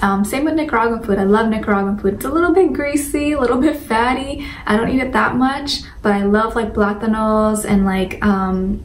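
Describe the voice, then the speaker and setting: A young adult woman vlogs casually to her viewers, her fairly high voice moving quickly with few pauses as she rambles informally and fills gaps with fillers. She's in a room at home with a sunlit window, and the recording has a roomy echo, a distant mic, and faint noise.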